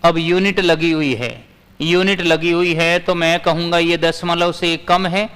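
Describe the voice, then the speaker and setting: A man's voice: fairly high pitch, steady tone, measured pace, fairly bright tone, clear, resonant tone, long reverb tail. A male physics teacher giving a live online class, repeating his points and answering viewers' comments as he goes.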